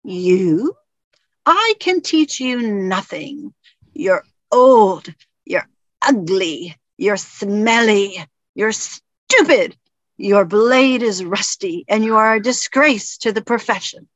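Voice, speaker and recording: Woman voicing a slow, low-voiced little monk. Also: animated, no room sound. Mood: scornful. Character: small humble male monk, blunt and calm. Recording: dull lo-fi recording.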